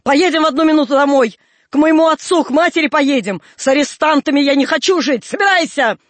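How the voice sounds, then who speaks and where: A man's voice: fast talker, no echo, lightly acted. A man reading a storybook, voicing an enraged young peasant wife who shrieks and rants at her in-laws. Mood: furious shouting. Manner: shrill, loud, ranting.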